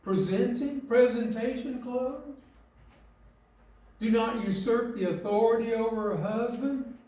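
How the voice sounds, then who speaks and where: A man delivers a sermon in a high, unhurried voice, leaning on rhetorical questions and emphatic phrasing. He stands some distance from the mic. The heavy echo of a church hall surrounds every word. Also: mellow, muffled recording. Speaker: preacher. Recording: very echoey, from off mic.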